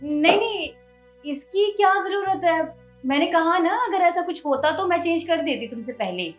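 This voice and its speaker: A woman's voice: extremely high pitch, animated, normal speed, soft background music. An actor playing a wife caught hiding her lover, defensive and dismissive, in melodramatic short-film style. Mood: evasive.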